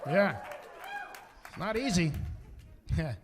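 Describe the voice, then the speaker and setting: A middle-aged man doing stand-up comedy, telling an animated story, bursting into shouts and often asking "right?". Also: high-pitched, takes it slowly, crowd noise, background noise.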